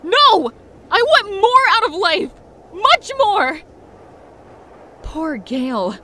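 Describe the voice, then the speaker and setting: A woman's voice: very high-pitched, very animated, drawn-out words, sharp tone, full character voice. A woman voicing Mary Jane, a fiery but guarded young woman, telling her story in a heartfelt, confessional way in a comic dub. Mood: angry. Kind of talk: comic dub narration and dialogue.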